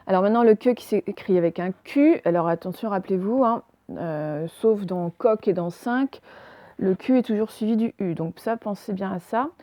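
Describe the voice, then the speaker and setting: Brief: woman teacher, mid pitch, slow patient dictation, dry close sound. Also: warm tone, dry recording. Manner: slow, careful dictation, spelling letter by letter. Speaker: primary school teacher. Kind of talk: recorded remote spelling lesson.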